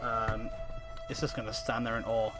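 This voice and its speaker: A man's voice: on the low side, little pitch movement, normal speed, fairly bright tone, faint music behind. A man running a tabletop game as game master, narrating the action in a hesitant, apologetic way, full of fillers and restarts.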